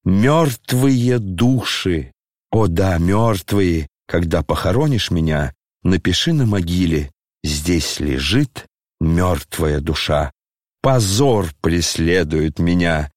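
A man voicing a maudlin, grandiose old retired general, speaking slowly and declaiming in lament, in an audiobook reading. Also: lowish voice, lively intonation, a little mellow, no echo, clean studio sound.

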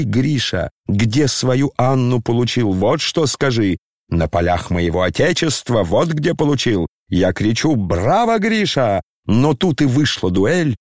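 A man voicing a maudlin, grandiose old retired general, speaking slowly and declaiming in lament, in an audiobook reading. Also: fairly low pitch, a little mellow, no echo, clean studio sound.

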